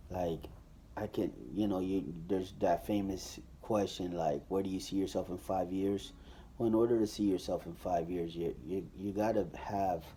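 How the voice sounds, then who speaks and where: A man with a low voice gives a personal testimony. His tone is dark and mellow. He talks loosely and casually, with many fillers and restarts. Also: a little hiss or hum.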